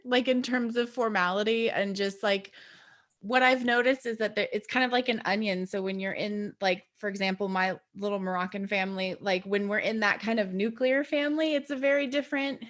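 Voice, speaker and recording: A woman's voice: mid-range voice, fairly bright tone. A woman who grew up in Georgia, talking hesitantly as an interview guest with many likes and restarts. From Georgia, United States. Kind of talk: casual interview chat.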